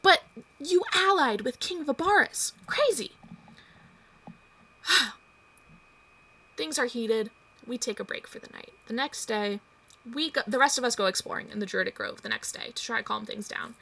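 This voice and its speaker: A woman casually recapping a tabletop campaign, swearing freely, acting out quoted lines and dropping into quick whispered asides. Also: a little high, gravelly, a bit bright.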